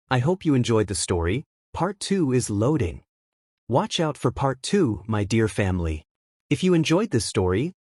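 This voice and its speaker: A man narrating a scripted folktale as the channel's storyteller, with an expressive reading manner. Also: medium pitch, no room sound, clean studio sound.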